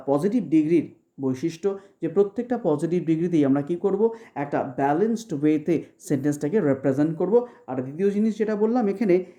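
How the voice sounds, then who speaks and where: A woman from West Bengal teaches grammar in an online lecture, and her voice is deeply dark and warm. She explains step by step and often stops to ask whether everything is clear. When she reads English examples, she slows almost to a crawl and leans on each word. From West Bengal, India. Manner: patient, checks understanding with frequent questions; slows down sharply to read English example sentences. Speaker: exam-prep English teacher.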